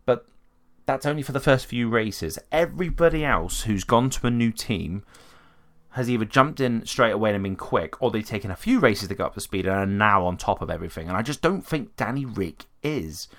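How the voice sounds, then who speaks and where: A man's voice: fairly low pitch, fairly bright tone. A man giving casual, opinionated commentary on racing drivers, talking conversationally with frequent restarts. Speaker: motorsport commentator.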